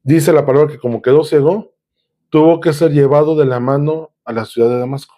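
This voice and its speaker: Male pastor, slightly high mellow voice, casual teaching sermon, reads verses and paraphrases, fillers and restarts. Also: fairly even intonation, brisk. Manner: conversational Bible teaching, reading verses aloud and paraphrasing them; frequent filler sounds and restarts.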